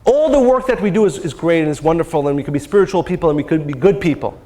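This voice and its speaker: A man's voice: fairly high pitch, expressive, quick pace, mellow. A man teaching a spiritual seminar, telling a story and drawing a lesson, earnest and repeating phrases for emphasis. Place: lecture hall.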